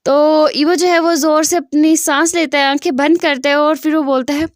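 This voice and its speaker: High-voiced chatty woman storyteller. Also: steady tone, normal speed, dry recording, studio quality. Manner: chatty, filler-heavy. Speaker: fan fiction storyteller. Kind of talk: casual story retelling.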